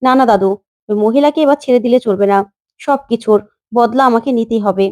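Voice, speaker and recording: A woman's voice: a little high, a little fast, darkish tone, dry recording, lightly acted. Woman voicing a determined young heroine. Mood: resolute. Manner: earnest and resolute.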